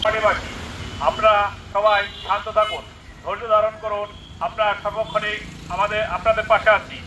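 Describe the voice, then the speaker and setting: Man, high voice, flat delivery, megaphone loudspeaker, loud street traffic noise behind. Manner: measured, repetitive public appeals. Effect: through a megaphone loudspeaker. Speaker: army announcer. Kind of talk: public safety announcement.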